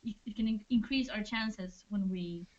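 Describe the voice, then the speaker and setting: A woman's voice: medium pitch, moderate pace, a little mellow, highs cut off. A woman, a band member hosting a casual livestream Q&A, chatty and hesitant, often laughing. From Sweden.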